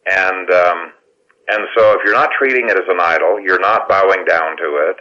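Hesitant deep-voiced male guest. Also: normal speed, pushed and bright, muffled recording. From Ethiopia. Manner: hesitant, many fillers. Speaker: guest author. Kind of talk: radio interview answers.

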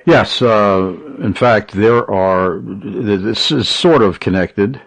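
Male radio host, earnest and emphatic, lowish voice, dry close sound. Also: takes it slowly, gravelly, no room sound, low-quality recording. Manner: earnest, emphatic, repeats key details. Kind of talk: talk radio host, appeals and questions.

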